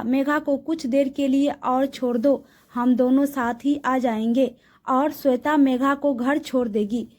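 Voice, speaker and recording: A woman's voice: sits high, a little mellow. A woman voicing a stern young man who is a protective older brother, speaking firmly and reassuringly. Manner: firm, reassuring.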